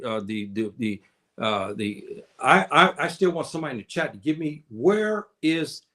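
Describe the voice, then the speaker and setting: A man hosting a casual livestream, answering his chat in a halting way with many repeated words and fillers. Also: medium pitch. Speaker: livestream host reading chat. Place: indoors, living on the African continent.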